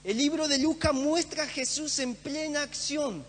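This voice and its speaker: A man's voice: very high voice, moderate pace. A man preaching a sermon in a church, earnest and emphatic, repeating phrases for stress. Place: church hall. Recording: echoey church hall with faint hum.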